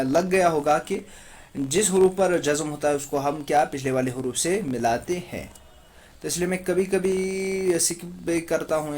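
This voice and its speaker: A man teaching Quran recitation in Urdu with a Pakistani accent, slowly spelling letters and vowel marks and asking his students questions as he goes. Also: a little high, a little mellow, slight background noise. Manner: patient, repeats each syllable slowly and asks the class questions.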